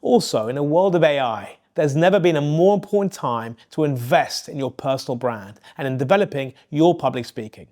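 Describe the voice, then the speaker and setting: A man's voice: fairly high pitch, animated, brisk, few pauses, darkish tone. Friendly man in his forties hosting a podcast. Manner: friendly, probing, promotional in the ad read. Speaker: podcast host and interviewer. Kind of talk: interview questions and ad read.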